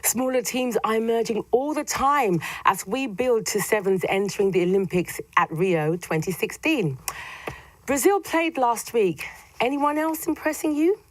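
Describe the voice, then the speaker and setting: A woman presenting a sports news bulletin in a crisp, measured scripted delivery and interviewing a guest. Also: fairly high pitch, no echo.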